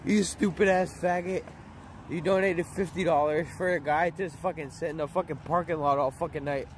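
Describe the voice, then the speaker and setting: At night on a city street, a young adult man livestreams on a phone held at arm's length, ranting in a profane, combative, aggrieved way. His voice sits on the high side, with a steady tone and moderate pace. Street and vehicle noise fill the noisy outdoor stream.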